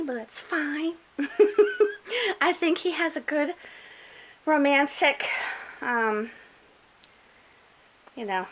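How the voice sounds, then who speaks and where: A middle-aged woman with a bright, fairly high voice talks her way along her home bookshelves. She chats casually, fills gaps with "um" and "you know", and corrects herself as she goes. She is recording on a handheld camera indoors. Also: rough recording. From upstate New York. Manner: chatty, with fillers and self-corrections, laughs often. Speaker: booktuber giving a bookshelf tour. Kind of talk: casual chatty vlog narration. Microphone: handheld camera while filming shelves.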